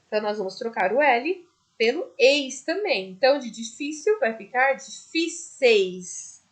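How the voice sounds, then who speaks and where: A woman's voice: fairly high pitch, animated, measured pace. A woman teaching a primary school class in a recorded video lesson, with a Brazilian Portuguese accent, patiently explaining each step.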